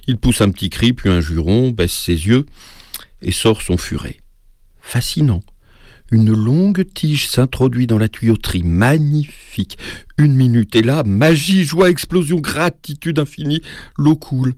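A man giving an expressive, rhythmic reading of a book excerpt aloud. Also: on the low side, no echo, studio quality. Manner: expressive, rhythmic, rising to frantic. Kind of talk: dramatic literary reading.

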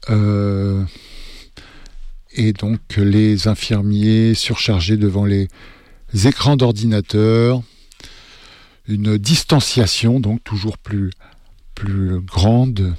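A man hosting a radio show, talking haltingly with many fillers and restarts. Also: on the low side, fairly even intonation, a little mellow, no room sound, clean studio sound. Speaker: radio host. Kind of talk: hesitant talk radio commentary.

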